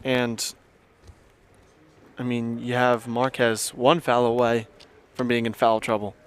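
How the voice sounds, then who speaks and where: A man giving color commentary at a high school basketball game, speaking hesitantly with frequent restarts. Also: flat delivery, slow pace, smooth. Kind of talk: casual sports commentary. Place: school gym.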